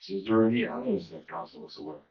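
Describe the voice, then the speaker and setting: A man arguing as a defense attorney in a courtroom, soft-spoken and halting. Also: muffled recording. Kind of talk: courtroom argument.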